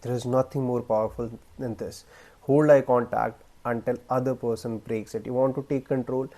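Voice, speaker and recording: A man coaching viewers on confident speaking, blunt and emphatic, with deliberate pauses. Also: medium pitch, fairly even intonation, warm tone. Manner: acts out weak speech examples in a raised, rising voice. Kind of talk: direct-to-camera coaching talk.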